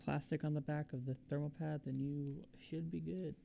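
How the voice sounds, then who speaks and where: A man's voice: fairly high pitch, little pitch movement, normal speed, gravelly, dark tone, a little hiss or hum. A man building the PC on stream, giving brief, matter-of-fact assembly tips. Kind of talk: casual technical explanation.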